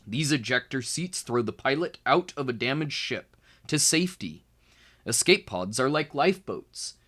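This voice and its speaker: A man with a slightly high voice reads a children's book aloud as a tutor, giving expressive educational narration with deliberate phrasing and emphasis on key words.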